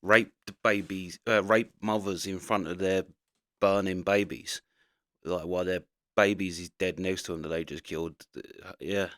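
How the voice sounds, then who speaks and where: A man with a deep voice gives off-the-cuff commentary in a very dry recording. He rambles conversationally and leans emphatically on his points. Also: steady tone, moderate pace, a bit bright, no room sound. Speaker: reaction commentator. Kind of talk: casual opinionated commentary.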